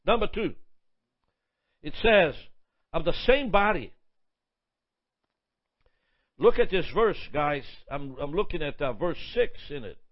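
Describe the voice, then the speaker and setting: A man preaches a sermon in a high voice, stacking up long emphatic lists. He stumbles and repeats words as he goes. The recording sounds dull and lo-fi. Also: expressive, slow pace, long pauses.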